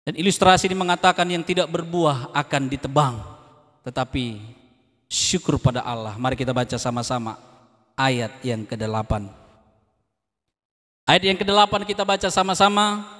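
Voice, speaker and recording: A man preaches to a congregation. His voice sits a little high and carries a long hall reverb. He swings between hushed pleading and loud, rising exhortation and keeps calling on the listeners to respond. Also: moderate pace, long pauses. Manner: calls on the congregation to respond, repeating phrases. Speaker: evangelist preacher. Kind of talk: sermon.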